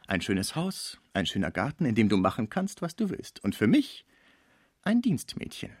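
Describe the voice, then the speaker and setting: A man's voice: huge pitch swings, moderate pace, breathy edge, no room sound, clean studio sound, heavily acted. A man reading a novel aloud, voicing a scheming, melodramatic middle-aged female concierge. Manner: shrill, wheedling and melodramatic. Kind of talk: audiobook character voice.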